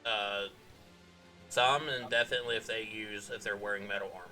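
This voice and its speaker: A man running a tabletop game as game master, giving casual, quick rulings. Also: lowish voice, fairly even intonation, bright, forceful tone, soft background music.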